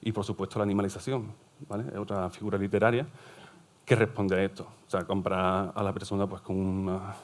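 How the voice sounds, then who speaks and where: A middle-aged man from southern Spain, a primary school teacher and psychopedagogue, gives an explanatory talk at a forum. His voice is low-pitched, flat and brisk, and he often checks in with his audience by asking "¿vale?".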